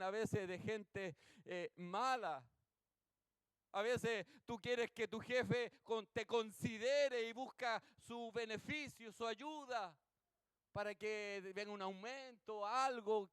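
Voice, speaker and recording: A man's voice: very high-pitched, clean tone, no room sound. A male pastor with a Chilean accent giving a sermon in a church, telling stories and asking the congregation rhetorical questions. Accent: Chilean Spanish. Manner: animated storytelling with rhetorical questions.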